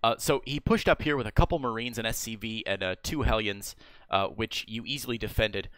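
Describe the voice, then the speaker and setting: A man's voice: on the low side, a little fast, a bit bright, no room sound. An American man casting and coaching over a strategy game replay, asking his guest questions with plenty of fillers. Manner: asks questions, many fillers. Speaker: caster and coach. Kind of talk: casual game analysis commentary.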